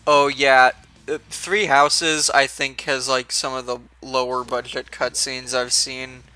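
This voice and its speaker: A man's voice: medium pitch, little pitch movement, slow, bright, forceful tone, smooth, faint music behind. A young man casually commenting while streaming a video game, rambling with fillers and restarts.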